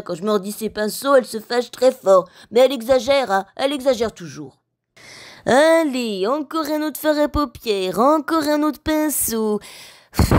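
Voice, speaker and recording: Woman voicing a slow, sarcastic pet bulldog. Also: on the high side, a little mellow. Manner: slow, sarcastic, teasing commentary. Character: cheeky male bulldog mocking his aunt. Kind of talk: comic voice-over narration.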